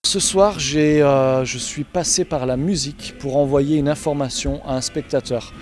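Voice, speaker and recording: A man's voice: a little high, steady tone, moderate pace, darkish tone, faint music behind. A man working as a mentalist, explaining his craft in a conversational interview. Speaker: mentalist magician.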